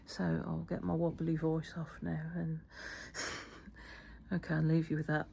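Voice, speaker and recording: A woman's voice: deep voice, monotone, moderate pace, gravelly, warm tone, slight background noise. A middle-aged woman, talking casually about faith with many fillers and restarts. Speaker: faith vlogger. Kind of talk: casual spoken reflection.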